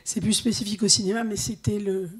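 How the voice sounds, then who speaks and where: A woman's voice: mid-range voice, level tone, fast talker. A woman film scholar giving an explanatory comment from the audience during an academic discussion.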